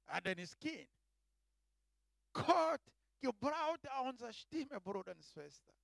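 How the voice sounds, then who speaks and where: High gravelly preacher, slow and halting. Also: male voice, sing-song, no room sound, clean studio sound. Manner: halting, swinging between hushed and loud exclaims. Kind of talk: sermon.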